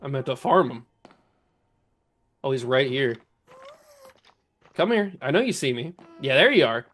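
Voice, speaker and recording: A man giving casual commentary while playing a game, thinking aloud, talking to enemies, his voice a little rough and strained. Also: mid-range voice, big pitch swings, normal speed, fairly bright tone, a little hiss or hum. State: voice going, clearing throat. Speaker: let's play gamer.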